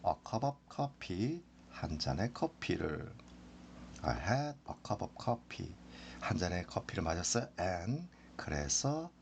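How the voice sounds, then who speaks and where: Slow, gravelly man teaching English. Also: sits low, slight background noise. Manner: repeats phrases slowly for drilling. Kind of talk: slow explanatory lesson.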